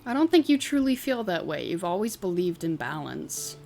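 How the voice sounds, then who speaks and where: A woman's voice: on the low side, very animated, moderate pace, gravelly, warm tone. A woman streaming a video game, giving casual playthrough commentary. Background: faint game music.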